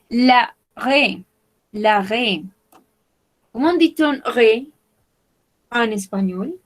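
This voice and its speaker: Woman, French teacher, very slow careful delivery, repeats each word. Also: fairly high pitch. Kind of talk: slow vocabulary lesson for Spanish speakers.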